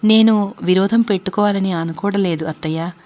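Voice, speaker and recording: A woman voicing a hurt, reserved young woman who speaks quietly and with restraint, in a storybook reading. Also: medium pitch, brisk, lightly acted. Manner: quiet, subdued. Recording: dull lo-fi recording.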